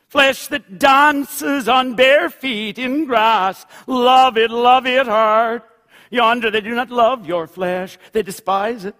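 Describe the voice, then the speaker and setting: A man's voice: very high voice, sharp tone, in a large hall, pitched above the performer's own voice, heavily acted. A man voicing an elderly woman preacher who exhorts her listeners in a fervent, half-sung preaching cadence.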